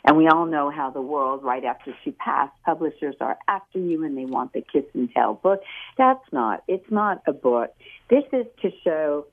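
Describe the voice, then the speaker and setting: A woman's voice: deep voice, animated, normal speed. An older woman from California, a guest author, speaking over a phone line in a chatty, rambling, storytelling way. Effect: heard over a phone line. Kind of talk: phone interview.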